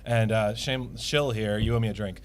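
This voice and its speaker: A man's voice: on the low side, fairly even intonation, normal speed, slight background noise. Man making dry asides on a livestream. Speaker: livestream co-host. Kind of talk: casual livestream chat.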